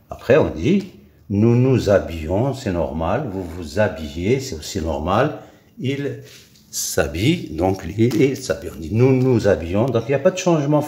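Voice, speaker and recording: Low-voiced Moroccan-accented male teacher. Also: mellow. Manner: drills forms slowly with many repeats and fillers. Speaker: French teacher. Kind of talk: classroom grammar lesson. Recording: echoey room.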